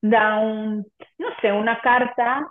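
A woman's voice: fairly high pitch, steady tone, takes it slowly. A woman guest giving an earnest, emotional personal testimony of faith in an interview. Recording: echoey room on a tinny phone-like line.

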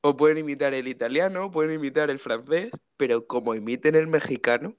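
Fairly quick and on the high side, this co-host's voice is clear and resonant in a dry recording. He tells stories on the comedic podcast, joking, laughing a lot and performing quotes.

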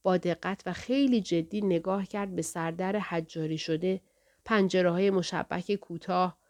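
A woman narrating an audiobook in a calm, even storytelling manner. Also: fairly low pitch.

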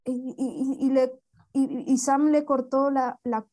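A woman's voice: high voice, steady tone, slow pace, warm tone. A woman from playing a tabletop role-playing game, often hesitant and stammering. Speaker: player.

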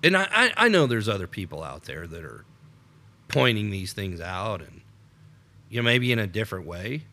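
A man's voice: fairly low pitch, very animated, moderate pace, sharp tone. An American man co-hosting an unscripted political podcast, rambling with many repeated starts and laughs. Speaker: podcast co-host.

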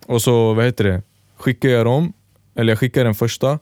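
A man co-hosting a podcast rambles through a long, casual story, acting out both sides of the quoted dialogue. His medium-pitched voice has a darkish tone, and the studio-quality recording has no room sound.

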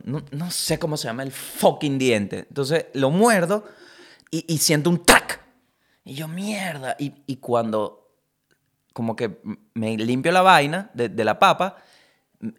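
Young man, comedy podcast host, rambling monologue, swearing, fairly high voice. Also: a bit bright. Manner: swears freely, acts out quotes in jumpy voices. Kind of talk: comic monologue.

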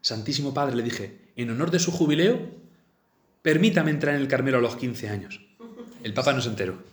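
A man's voice: mid-range voice, expressive, fairly quick. Chatty man in a roomy space. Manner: chatty, many fillers and restarts. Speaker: speaker on a saint's life. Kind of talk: storytelling talk mixing reading and comment. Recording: roomy echo.

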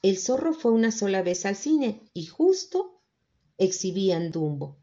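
A woman reading a children's story aloud, calm and expressive. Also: medium pitch, measured pace, dull audio. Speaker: narrator.

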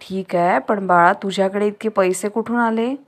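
A gentle mother in a children's story, voiced by a woman. She speaks mildly and soothingly. It is close to the reader's everyday voice. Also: medium pitch, fairly even intonation, normal speed, close to an everyday voice.

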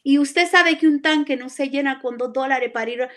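A woman with a fairly high voice gives a heartfelt church testimony in an earnest, emotional way. She circles back and repeats phrases as the memories come to her. She calls her listener "brother" as she speaks. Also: brisk, a bit bright. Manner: earnest and emotional, often addresses the listener as "hermano"; repeats and restarts phrases as she recalls events. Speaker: church member giving a testimony. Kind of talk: live religious testimony.

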